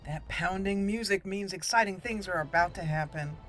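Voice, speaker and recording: A woman hosts her gaming channel, chatting casually and thinking aloud as she plays in let's-play style. Her voice is medium-pitched at a normal speed, recorded as a voice-over above loud game music.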